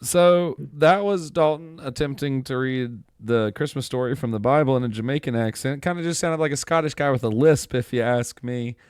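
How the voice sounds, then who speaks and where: A man hosting a podcast with an upbeat, joking manner, wrapping up the show in casual chat. His voice sounds smooth and clean, with a dry, close sound around it. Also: medium pitch, moderate pace, few pauses, darkish tone, no echo. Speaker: podcast host.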